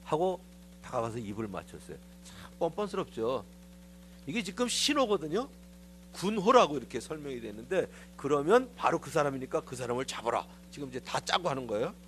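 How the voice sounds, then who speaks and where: Middle-aged pastor guy preaching in church, chatty and personal, pitch jumps all over, faint hum behind. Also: a little fast. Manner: animated storytelling, acting out quoted voices; confiding, personal tone. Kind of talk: conversational sermon. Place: church sanctuary.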